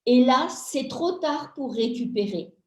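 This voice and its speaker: A middle-aged woman giving a talk on family communication over a video call, speaking in a measured way and acting out little family dialogues. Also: high-pitched, expressive, roomy sound. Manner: slow, measured, acts out family dialogue examples.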